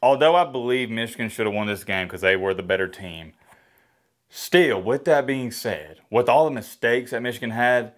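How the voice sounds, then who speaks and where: Guy in his 20s doing a sports rant breakdown, worked up and emphatic, average pitch. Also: lively intonation, moderate pace. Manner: exasperated, emphatic. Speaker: sports fan video host. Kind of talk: ranting game breakdown to camera. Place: home room, indoors.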